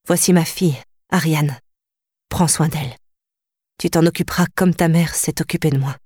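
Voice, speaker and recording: A woman reading a soft solemn queen. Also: deep voice, steady tone, moderate pace, slightly rough, no echo, clean studio sound. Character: ancient Cretan queen, solemn and trusting.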